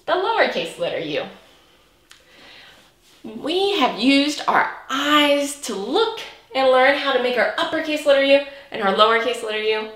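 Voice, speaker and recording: A woman preschool teacher speaks high and slowly, in a broad singsong way meant for small children. Her pitch swings widely as she draws out and stresses words. The sound is a little distant, in an echoey room. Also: fairly bright tone. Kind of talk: children's alphabet lesson with singing. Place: small indoor room, in front of a whiteboard. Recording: roomy indoor echo.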